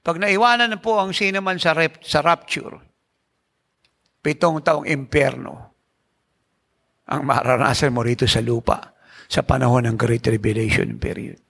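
A man's voice: medium pitch, normal speed, gravelly, pauses often, fairly bright tone. A male pastor preaching a sermon emphatically, asking the congregation rhetorical questions and mixing in English phrases.

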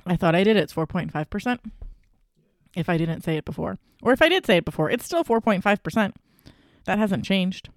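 A podcast co-host in casual beer-tasting chat, chatty and playful, with quick asides. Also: mid-range voice, lively intonation, no echo, studio quality.

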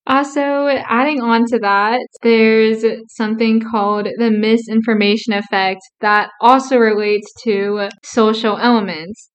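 A woman's voice: a little high, steady tone, measured pace, few pauses, clear, resonant tone. A young woman co-hosting a podcast, earnestly explaining psychology concepts with a touch of dry sarcasm. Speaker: podcast co-host.

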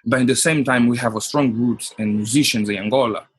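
A man, a guest in a casual interview, halting and restarting often as he talks. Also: mid-range voice, steady tone, a little hiss or hum. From Portugal. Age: 30s. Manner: halting, restarts often, many "you know, like".

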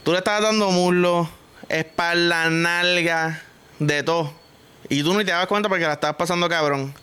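A man with a Puerto Rican accent rants through a casual comic vlog, crude and joking, heavy on slang. His voice is fairly high, bright and very clear. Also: steady tone, normal speed. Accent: Puerto Rican Spanish. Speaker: vlogger host.

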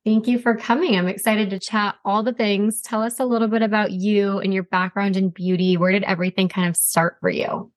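A woman's voice: medium pitch, level tone, a little fast, hardly any pauses, dry recording. A woman hosting a beauty podcast, upbeat and enthusiastic, asking casual questions and often saying "kind of". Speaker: podcast host.

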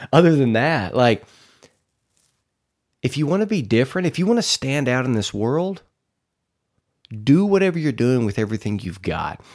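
A man's voice: medium pitch, a little mellow. A man hosts his podcast in a loose, motivational monologue. His voice rises and falls a lot as he talks, and he stumbles over and repeats his words in a folksy, rambling way. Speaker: podcast host.

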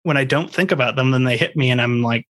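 A man's voice: medium pitch, fast. A man hosting a podcast, chatting casually and sharing his own experiences. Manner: relaxed, conversational, shares personal anecdotes. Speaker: podcast host. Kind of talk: casual interview chat and podcast outro.

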